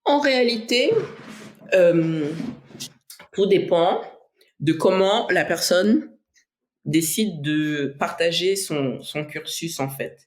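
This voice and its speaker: Speaking slowly with frequent pauses, this woman has an animated voice on the low side. She is a bodybuilder from French Guiana, a guest in a casual podcast interview, reflective and quick to laugh, with many restarts and fillers.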